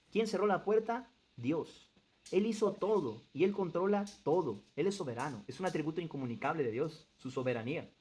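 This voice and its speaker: A man with a fairly high, darkish, husky voice leads a group Bible study. He reads passages aloud and poses questions to the group, teaching earnestly. He quizzes the participants and stresses his points.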